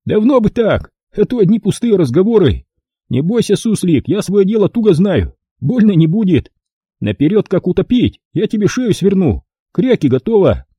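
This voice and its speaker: A man's voice: sits high, sing-song, warm tone, breathy edge, no room sound, clean studio sound, pitched above the performer's own voice, heavily acted. Man doing a coarse, jeering thug sidekick. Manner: slow, folksy, jeering. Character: coarse, cheerful male thug sidekick, folksy.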